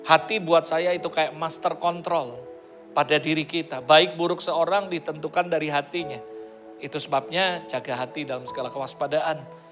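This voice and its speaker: A man's voice: fairly high pitch, fairly bright tone. A middle-aged pastor from Indonesia preaching with energy and often calling out to his congregation. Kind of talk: sermon. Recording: sermon with music playing behind.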